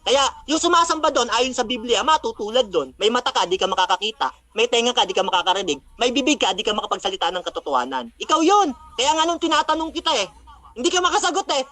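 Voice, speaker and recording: A man's voice: very high-pitched, expressive, fast, bright, forceful tone. A man acting as a religious debater, mockingly recapping a debate, taunting his opponent and citing Bible verses.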